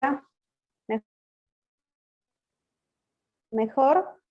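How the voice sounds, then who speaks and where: A woman teacher giving an online language class, patiently quizzing her pupils and spelling words out slowly. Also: high voice. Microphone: video call. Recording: muffled lo-fi video call audio.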